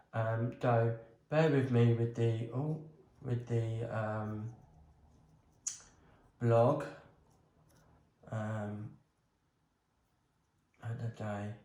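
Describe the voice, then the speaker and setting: This man talks slowly and unhurriedly, pausing often with ums as he walks viewers through a hands-on craft project. His voice sits at an ordinary middle pitch. The sound is roomy, with noticeable echo off the walls. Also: little pitch movement, mellow. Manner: hesitant, many ums, talks himself through each step. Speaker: crafting vlogger. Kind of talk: casual talk while working on a bonsai.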